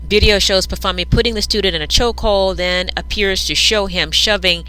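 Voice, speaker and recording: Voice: medium pitch, steady tone, a little fast, pushed and bright, clean tone, rough recording. A news reader dictating a script aloud, speaking each punctuation mark and paragraph break between the sentences.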